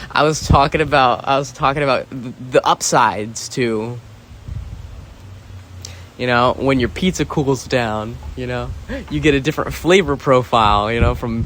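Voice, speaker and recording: A man's voice: medium pitch, fairly bright tone, a little hiss or hum. Rambling, cursing man in a monologue. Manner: rambling, profane, heavy on "you know" fillers. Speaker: podcast host.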